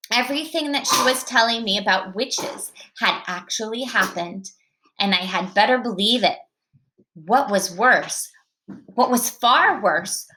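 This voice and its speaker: Mom reading a chapter book aloud; clear, bright voice, lively delivery, recorded in an echoey room. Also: female voice, mid-range voice, a little hiss or hum. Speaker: parent reading to her child.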